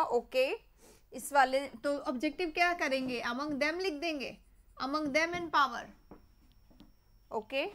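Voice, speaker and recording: Young indian woman running a live english class online, high bright voice, reads examples out slow. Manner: mixes Hindi and English, reads sentences slowly, quizzes viewers. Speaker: English teacher for competitive exams.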